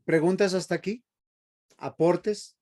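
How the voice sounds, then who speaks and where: A man's voice: high voice, steady tone, takes it slowly, dark tone. A man teaching a seminary Bible class, emphatic and often asking the class rhetorical questions.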